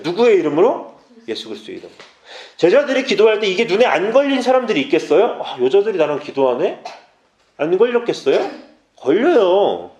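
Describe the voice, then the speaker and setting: Animated young-sounding male preacher, echoey church. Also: high-pitched. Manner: urgent, direct exhortation with playful asides. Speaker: junior pastor. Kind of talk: youth sermon. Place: church sanctuary.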